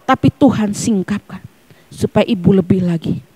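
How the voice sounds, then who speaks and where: Woman pastor w/ preaching at church, hushed bits then loud fervent bursts. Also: on the low side, steady tone, normal speed, slightly rough, no room sound. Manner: emphatic, swings from hushed near-whispers to loud, fervent peaks. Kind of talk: preaching a sermon. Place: church service.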